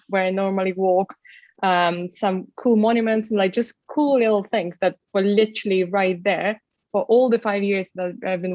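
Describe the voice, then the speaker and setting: A woman's voice: medium pitch, a little mellow, no room sound. A young woman from Ukraine chats as an interview guest, peppering her talk with "um" and "like". The sound is dull and lo-fi, and the room is very dry. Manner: chatty, many fillers like "um" and "like". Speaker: guest, travel content creator and tour guide. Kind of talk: casual interview conversation.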